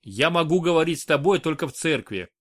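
A man's voice: fairly high pitch, expressive, brisk, no echo, clean studio sound, pitched above the performer's own voice. A man reading an audiobook, voicing a grave, curt male brother once turned wolf. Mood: somber. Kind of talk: audiobook character voice.

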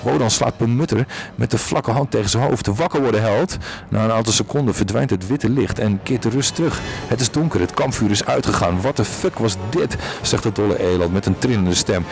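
A man's voice: a little fast, gravelly. A man reading a podcast story aloud, with small slips and restarts, and lifting his voice for the characters. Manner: reads aloud with small slips and restarts, jumps higher for quoted lines. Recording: faint music behind.

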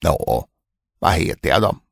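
A man's voice: very deep voice, animated, gravelly, breathy edge, dry recording, studio quality, heavily acted. A man reading a storybook, voicing a spiteful, greedy little male dwarf who crows and shrieks his taunts. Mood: sly.

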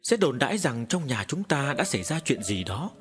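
A man doing a cautious older village father in an audiobook story, measured and reasonable, with soft music under him. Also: mid-range voice, very animated. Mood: calm.

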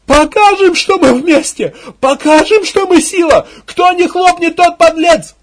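A man's voice: extremely high pitch, measured pace, a little hiss or hum, voice pushed up. A man voicing a frenzied male propagandist who whips a crowd into chanting, his voice climbing to a screech. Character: shrieking male rabble-rousing propagandist.

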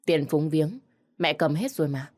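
A woman's voice: deep voice, expressive, moderate pace, darkish tone. Woman reading as a weary young widow. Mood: pleading.

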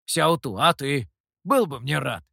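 A man reading as a gloating monkey demon who teases and needles in a mocking tone. The voice rises and falls in a lively way, and the recording is dry and close. It comes across as sly and cheeky. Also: fairly high pitch, a little slow, gravelly, no room sound, full character voice. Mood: teasing. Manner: mocking, teasing. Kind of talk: audiobook character voice.

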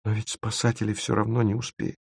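A determined young woman who presses her case and slips into cold official phrasing, read by a man. The voice sits low, and the recording is close and dry. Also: moderate pace, dry recording. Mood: pleading. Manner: insistent, turning cool and formal. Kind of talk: audiobook reading.

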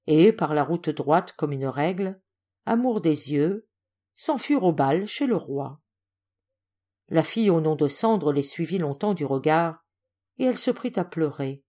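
A woman reads a literary fairy tale for an audiobook. Her voice sits fairly low, and her delivery is expressive and theatrical. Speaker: audiobook reader. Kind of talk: scripted narration of a literary tale.

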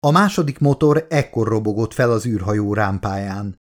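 A man reading his own audiobook aloud as narrator, in an even, measured storytelling voice. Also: fairly low pitch. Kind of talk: scripted narration.

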